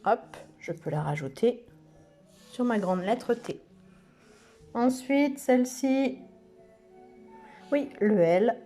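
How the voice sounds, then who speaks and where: A woman teaching preschool children, speaking slowly and stretching out each word and letter sound. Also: on the high side, lively intonation, mellow, faint music behind. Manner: slow, sing-song, stretches out words and letter sounds. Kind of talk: slow lesson for young children.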